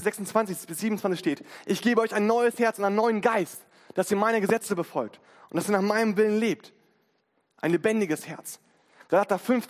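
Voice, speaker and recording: A man in his twenties preaching a sermon in a casual, slangy way, acting out inner voices, recorded in a church hall. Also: high voice. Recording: long hall reverb.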